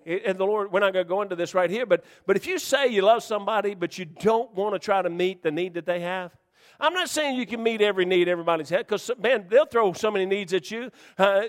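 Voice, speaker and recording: A man preaching a sermon to his church in a folksy, joking way, swinging from loud shouts to hushed, quiet lines. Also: high voice, big-room sound. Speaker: pastor.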